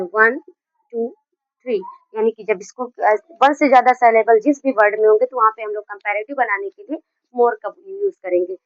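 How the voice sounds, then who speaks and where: Hindi teacher woman, slow dictation. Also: fairly high pitch, no room sound. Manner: slow, drawn-out dictation of English example sentences; explains step by step with many restarts. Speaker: English grammar teacher. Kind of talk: Hindi video lesson on grammar. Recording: dull, dry lo-fi recording.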